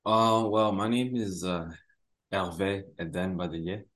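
A man's voice: low-pitched, unhurried, fairly bright tone. A young man from Rwanda, a university student, answering interview questions casually with many hesitant fillers. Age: young adult.

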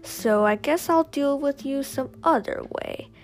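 A woman voicing a pompous, mocking male castle owner in a read-aloud story, loud and scolding. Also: high-pitched, unhurried, faint music behind, pitched above the performer's own voice.

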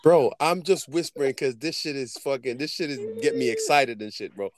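Animated young man, slangy casual chat. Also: medium pitch, a little fast, crowd noise. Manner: animated, slangy, says bro a lot.

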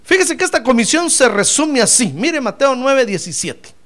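A man preaching a sermon as pastor, animated and acting out the voices of his congregants. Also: very high-pitched, normal speed.

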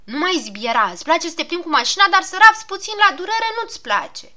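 A woman's voice: extremely high pitch, very animated, sharp tone, pitched above the performer's own voice, exaggerated voice. A woman doing a fussy gnome doctor. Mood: fussing. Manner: soothing then scolding, fussy. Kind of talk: storybook reading.

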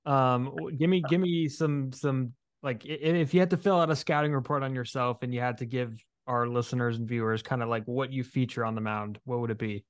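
Joking podcast co-host, halting questions. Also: male voice, medium pitch, dry recording, studio quality. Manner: hesitant, restarts questions, jokey. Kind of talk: casual interview chat.

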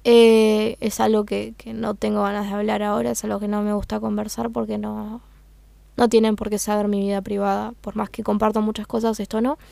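A medium-pitched, creaky and mellow voice delivers a brisk, monotone stream of thought in a dry recording. The speaker is a young Uruguayan woman behind a meme page, talking casually and hesitantly, searching for words amid plenty of fillers.

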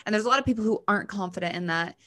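A woman's voice: medium pitch, rapid-fire, pushed and bright. Woman podcast host, chatty n upbeat, midrange voice, talking from her bathroom. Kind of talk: casual podcast chat. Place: bathroom at home.

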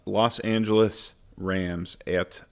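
A man's voice: on the low side, steady tone, slow, noisy background. A man co-hosting a fantasy football podcast in casual chat, rambling and laughing at his own jokes.

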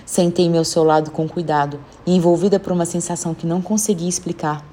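A woman narrating a story in the first person, reading it aloud with lively voiced dialogue. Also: fairly low pitch, quick pace, a little hiss or hum.

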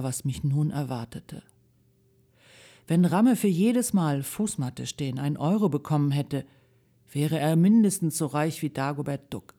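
Woman guest reader in a radio studio, warm mellow voice, lively children's-book storytelling. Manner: lively storytelling with shifting pitch. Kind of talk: live reading of a children's book, then chat.

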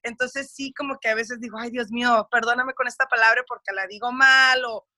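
Una mujer criada en Estados Unidos con acento mexicano muy marcado, conversando en una entrevista de forma expresiva y franca, mezclando algunas palabras en inglés. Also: female voice, a little high, a little fast, no echo, faint music behind. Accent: Mexican Spanish. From United States. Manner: expressive and talkative, mixing in English words; candid, speaks of her faith. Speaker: guest. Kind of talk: casual interview chat.

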